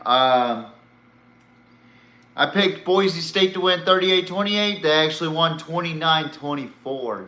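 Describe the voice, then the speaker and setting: With a sharp tone at medium pitch, a man running a sports podcast vents blunt, opinionated, profane commentary in the manner of a frustrated fan. There's a roomy echo and some faint noise behind him.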